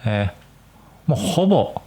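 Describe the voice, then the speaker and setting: Low, lively man explaining clearly. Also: slow pace. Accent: mostly standard Japanese with slight Nagoya touches. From Nagoya, Japan. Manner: clear, careful explaining with a relaxed, chatty tone. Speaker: podcast host. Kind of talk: solo podcast for language learners.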